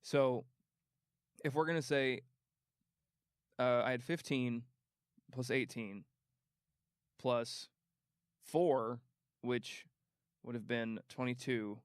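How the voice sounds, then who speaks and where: A young man chatting on a podcast, his voice sitting at an ordinary middle pitch. He tells stories with energy and drops into quick impressions of the people in them. The sound is dry and close. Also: smooth, no room sound. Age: young adult. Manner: animated storyteller, quotes people in voices. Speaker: podcast co-host. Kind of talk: casual chat.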